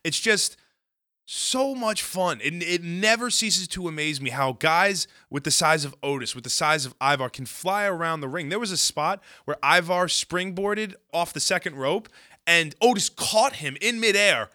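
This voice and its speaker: A man's voice: on the high side, normal speed, pushed and bright, no room sound, clean studio sound. A man co-hosting a wrestling podcast, leading the recap with strong opinions in casual chat. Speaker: podcast co-host.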